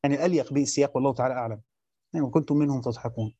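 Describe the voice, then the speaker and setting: Egyptian male teacher, fast and slightly high, reads then explains and quizzes; dull lo-fi sound. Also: dark tone, slightly rough, no room sound. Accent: Egyptian Arabic. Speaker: teacher of Quran commentary. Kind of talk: classroom lecture reading and explaining a text.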